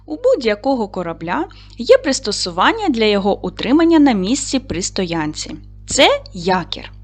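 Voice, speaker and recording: A woman's voice: medium pitch, sing-song, moderate pace. A woman teaching a recorded lesson to young schoolchildren, asking them questions, answering them herself and praising them often.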